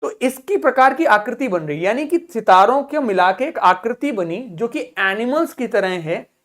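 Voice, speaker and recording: A woman teaching a vocabulary lesson to students, explaining terms, asking check questions and repeating each word slowly for pronunciation practice. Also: mid-range voice. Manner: drills pronunciation by slow repetition; asks rhetorical check questions.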